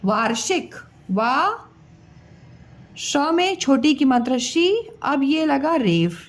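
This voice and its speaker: A woman with a high voice teaches young children at an unhurried pace. She spells out each sound syllable by syllable and repeats words slowly. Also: big pitch swings. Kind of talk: slow spelled-out children's lesson.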